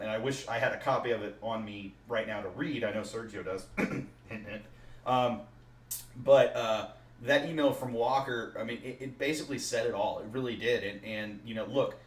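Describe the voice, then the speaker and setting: Podcast co-host, male, animated rambling talk, roomy sound, slightly off-mic. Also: medium pitch. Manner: talkative, animated recounting. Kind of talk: casual chat. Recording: roomy, distant mic with faint noise.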